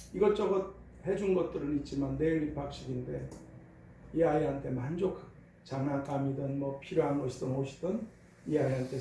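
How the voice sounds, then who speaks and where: A man's voice: fairly high pitch, creaky, warm tone, a little hiss or hum. An older man, a pastor, preaching a sermon in a conversational storytelling way, heard in a church sanctuary. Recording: echoey hall, voice from far off.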